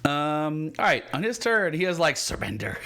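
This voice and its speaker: A man's voice: a little high, lively intonation, normal speed, sharp tone, clean tone. A man as game master, casually and playfully narrating a tabletop fantasy game. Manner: playful, informal.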